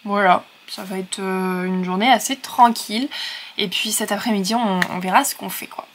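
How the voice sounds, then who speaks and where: A woman's voice: mid-range voice, fairly even intonation, moderate pace. A young woman from France chatting to camera at home in a casual reading vlog, rambling with many fillers and self-corrections. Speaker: book vlogger. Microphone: camera set on a surface.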